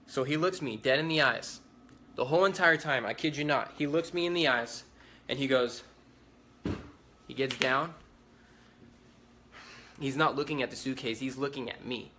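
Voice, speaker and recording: A man recounting what he went through as an eyewitness, in a forceful, tense, bright voice at a middle pitch. He talks urgently, loops back on the same phrases and restarts his sentences as he goes. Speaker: eyewitness survivor. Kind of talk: spoken eyewitness account.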